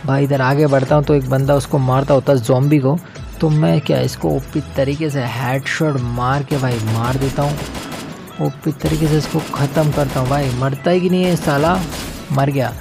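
A man's voice: medium pitch, fairly even intonation, moderate pace, creaky, music in the background. A young man giving casual, slangy commentary over his own gameplay as a gaming channel host, chatting to viewers like friends. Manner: chatty, slangy, keeps calling viewers brother.

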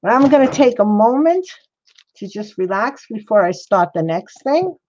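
A woman's voice: fairly high pitch, big pitch swings, moderate pace, a little mellow, a little hiss or hum. A woman chatting casually to her livestream viewers while she works on a craft project, rambling and answering chat by name. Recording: slightly dull lo-fi stream audio.

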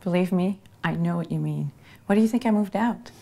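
A woman's voice: fairly low pitch, a little fast, vocal fry, dark tone, a little hiss or hum. An actress playing a frank, sardonic young woman visiting an apartment, in film dialogue.

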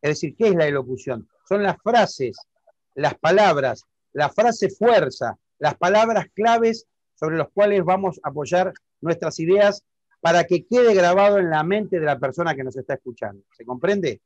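Argentine man, public speaking teacher, higher voice, dry close sound, lo-fi. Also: animated, moderate pace, darkish tone, dry recording. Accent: Argentine Spanish. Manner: explanatory, keeps checking understanding with questions. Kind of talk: online lesson.

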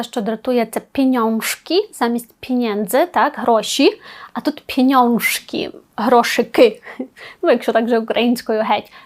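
Brief: young woman, high voice, chatty language teacher, casual explainer with quick asides.

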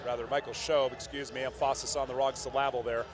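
An older man doing lively play-by-play sports commentary, excitable and joking as he calls the action. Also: mid-range voice. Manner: excitable, jokey, quick corrections. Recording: broadcast commentary over loud arena crowd.

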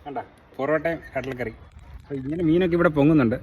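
Fast-talking Kerala man mixing in English words. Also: on the high side, narrow, tinny audio, slight background noise. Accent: Kerala Malayalam. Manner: mixes English words into Malayalam. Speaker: fishing vlog host. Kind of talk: casual outdoor vlog commentary. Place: outdoors on a river.

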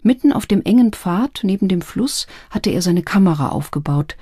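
A woman narrating an audiobook in calm, scripted storytelling. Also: medium pitch, normal speed, slightly rough, no room sound. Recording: dry close studio sound.

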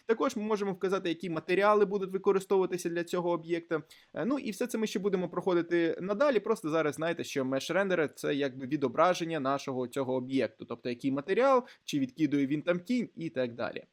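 A man with a high, lively voice walks through a software tutorial one click at a time. He explains in a patient, step-by-step way, often pausing on fillers and restarting words. His pitch rises and falls a lot as he talks. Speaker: programming instructor. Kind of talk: screen-recorded coding tutorial.

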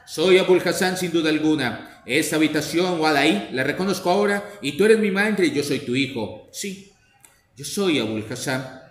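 A man's voice: on the high side, animated, normal speed, lightly acted. Man putting on a bossy, indignant young man who thinks he's a caliph, raised voice, storybook reading in an echoey room. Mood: dazed. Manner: shouting, commanding, indignant. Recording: echoey room with faint noise.

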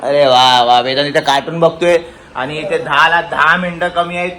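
A man's voice: on the high side, fairly even intonation, moderate pace, sharp tone, slight background noise. Chatty man vlogging on a phone. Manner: chatty, addresses viewers directly. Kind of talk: casual family vlog chat.

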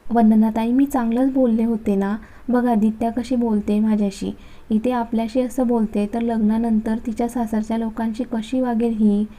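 A woman's voice: a little high, little pitch movement, moderate pace, dark tone, lightly acted, poor audio. A woman voicing a meddling older aunt who complains self-righteously. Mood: complaining.

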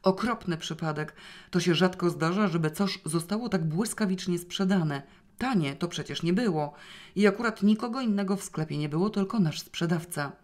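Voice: medium pitch, lightly acted. A reader doing a flustered, frightened shopkeeper. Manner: hurried, anxious, apologetic. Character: frightened, flustered antiquarian's son-in-law. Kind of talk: audiobook reading.

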